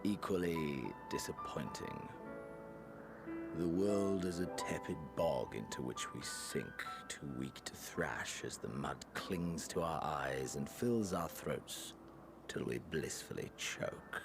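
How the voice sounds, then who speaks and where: A man playing a bored, nihilistic villain lord in a video game, speaking with slow theatrical menace and brooding weight. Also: a bass voice, lively intonation, over music, full character voice. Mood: bored disdain. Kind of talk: dramatic video game voice acting.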